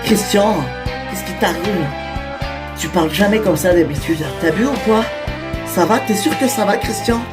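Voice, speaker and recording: A woman's voice: mid-range voice, normal speed, music in the background, natural voice. A woman voicing a caring woman on the phone who anxiously keeps asking if he is all right. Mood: worried. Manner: anxious, repeated questions. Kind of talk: toy-figure fan series voice acting.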